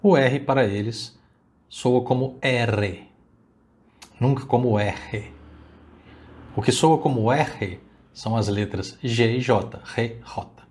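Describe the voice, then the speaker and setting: Brief: male language teacher, native Portuguese speaker, patient recorded lesson, stretches out example words slowly. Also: mid-range voice, darkish tone. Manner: slow, drawn-out model pronunciations of Spanish words. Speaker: Spanish teacher.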